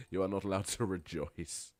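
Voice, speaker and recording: Hoarse low-voiced man gaming chat. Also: darkish tone, no echo. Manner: playful, chatty, jokey asides to viewers. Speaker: let's play gamer. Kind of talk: casual gameplay commentary.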